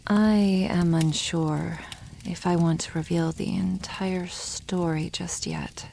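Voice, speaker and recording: A woman with a fairly low, soft, breathy voice, often close to a whisper and crackling with vocal fry, plays a proud, teasing young dragon girl acting as a protective elder sister in an intimate ASMR roleplay addressed to the listener. She speaks very slowly with fairly even intonation, sounding wry, haughty, and a bit condescending toward humans, over faint background ambience.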